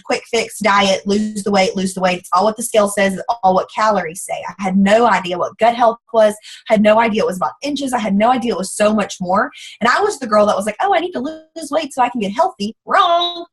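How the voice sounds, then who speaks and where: A woman in her thirties tells her own story in a chatty, animated way, slipping into the voices of herself and others as she goes. Her voice sits a little high and carries a light huskiness. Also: slightly rough, poor audio. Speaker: product distributor giving a testimonial. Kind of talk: personal testimony talk.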